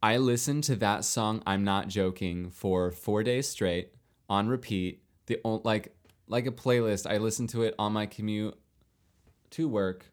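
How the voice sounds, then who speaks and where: A young man telling a long story in casual chat, rambling with many fillers and restarts, lively when he quotes others. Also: lowish voice, unhurried. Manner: animated when quoting others.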